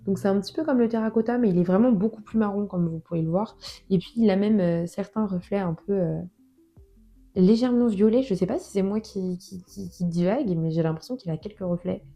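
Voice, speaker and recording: A woman's voice: mid-range voice, a little fast, mellow, soft background music. A woman casually presenting nail polish collections, chatty and self-deprecating, with many fillers. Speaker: nail product reviewer.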